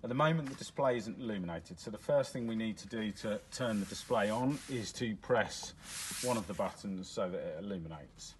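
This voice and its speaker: Brisk and with few pauses, a man with a voice on the low side demonstrates a device's controls step by step, pressing buttons as he talks in a plain, matter-of-fact way. He's indoors at a table with a demo unit, and there's noticeable background noise.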